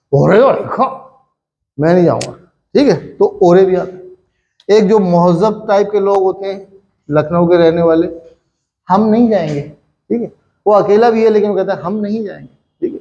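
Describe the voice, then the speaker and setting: A man's voice: high-pitched, normal speed, mellow, lo-fi sound. A middle-aged man from Pakistan with an Urdu-speaking Pakistani accent, teaching a chatty, repetitive Japanese grammar lesson and checking in with the class often. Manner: chatty, repetitive, with many "thik hai" checks.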